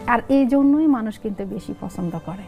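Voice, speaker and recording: A woman's voice: on the high side, brisk, muffled recording, faint music behind. A woman in her forties with a Noakhali Bengali accent, chatting casually as an interview guest and acting out family talk in dialect. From Noakhali region, Bangladesh. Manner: animated, acts out family dialogues in dialect. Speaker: content creator guest.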